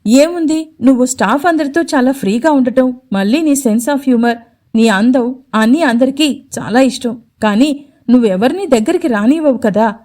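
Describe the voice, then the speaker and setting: A woman voicing a sharp-tongued tearful young woman. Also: sits high, moderate pace, natural voice. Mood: bitter. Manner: angry, sarcastic, then pleading.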